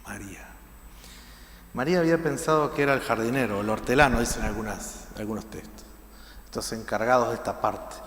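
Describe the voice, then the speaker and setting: Rioplatense preacher in a ringing hall. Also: male voice, medium pitch, quick pace. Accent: Rioplatense Spanish. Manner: shifts between loud emphasis and hushed quiet lines. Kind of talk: sermon. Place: church.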